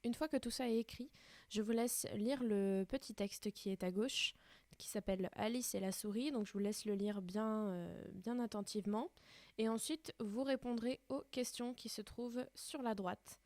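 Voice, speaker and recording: A woman's voice: on the high side, moderate pace, a little mellow, dry recording. A woman teaching a primary school class in a recorded remote lesson, explaining patiently step by step.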